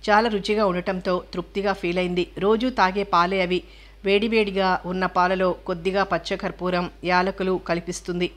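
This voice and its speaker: A woman narrates a novel for an audiobook with even, measured pacing. Her voice is low and her pitch stays flat, giving a steady, unbroken reading.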